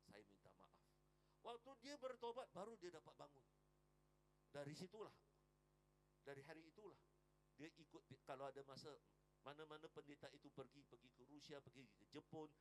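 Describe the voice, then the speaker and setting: A man preaching a Sunday sermon in church, telling stories with sudden loud exclamations, quiet asides and frequent checks with the congregation. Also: on the high side, slight background noise, low-quality recording. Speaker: pastor. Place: church during a Sunday service.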